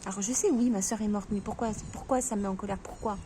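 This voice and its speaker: A woman in a personal vlog, talking to viewers in a halting way, stammering and restarting her sentences. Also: mid-range voice, fairly even intonation, background noise. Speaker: vlogger.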